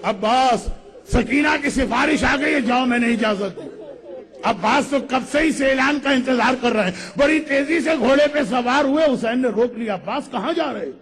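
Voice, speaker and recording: A man's voice: extremely high pitch, a bit bright. A male religious orator delivering an impassioned mourning sermon, telling the story dramatically and voicing the figures in quotes.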